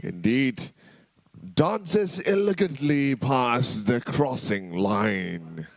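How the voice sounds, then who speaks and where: A man giving measured, bantering co-commentary at a live drift event. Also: medium pitch, animated, vocal fry, no room sound.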